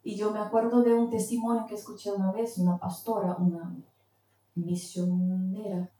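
A woman's voice: medium pitch, flat delivery, moderate pace, mellow. Lady preaching a sermon, kinda far from the mic, lots of echo, stops to find words sometimes. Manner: searches for words mid-sentence. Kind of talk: sermon with told testimony. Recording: very echoey, distant from the mic.

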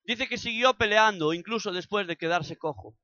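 A man's voice: high voice, normal speed, sharp tone, no echo, highs cut off. A man from preaching a sermon, acting out the scripture with vivid sound effects.

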